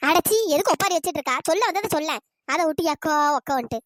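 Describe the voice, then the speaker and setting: A woman voicing bossy, bickering village women in a cartoon, with a pitch-raised voice. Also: expressive, fast, dry recording. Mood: scolding. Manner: scolding, bickering, teasing. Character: bossy gossiping village women, scolding and sharp-tongued. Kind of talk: cartoon voice acting.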